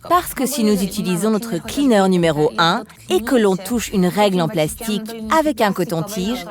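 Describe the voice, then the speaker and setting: A woman's voice: medium pitch, expressive, moderate pace, a crowd in the background. A woman nail instructor explaining a technique step by step in a chatty, instructional way. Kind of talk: instructional demo chat. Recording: music playing behind.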